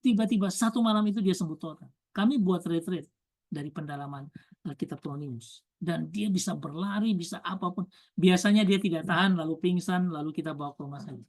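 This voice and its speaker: A woman's voice: lowish voice, brisk, darkish tone. A woman preacher telling a testimony in a sermon, building emphasis and using repeated lists.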